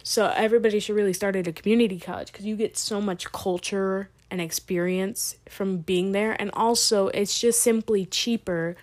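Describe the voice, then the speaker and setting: A woman's voice: medium pitch, steady tone, moderate pace, few pauses, darkish tone. Chatty teen girl rambling solo podcast. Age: late teens. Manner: chatty, scattered, full of "like" and trailing tangents. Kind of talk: rambling casual podcast monologue.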